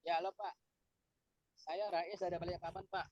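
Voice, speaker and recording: A man's voice: high-pitched, flat delivery, normal speed, dry recording, dull audio. Man on a glitching, cutting-out call line. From East Kalimantan, Indonesia. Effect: choppy, cutting-out video-call audio. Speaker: caller asking a question in an online seminar. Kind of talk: polite question on a video call. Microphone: video call.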